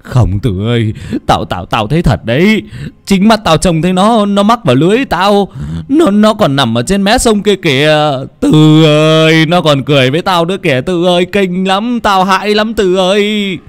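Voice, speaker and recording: A man's voice: sits high, animated, normal speed, smooth, pitched above the performer's own voice. A man voicing a terrified fisherman in his sixties, stammering and wailing in panic. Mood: frightened. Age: 60s.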